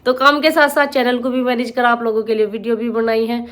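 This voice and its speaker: A woman's voice: a little high, level tone, a little fast, a bit bright. A woman chatting casually to her vlog audience, sounding worn out and plain-spoken. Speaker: vlogger.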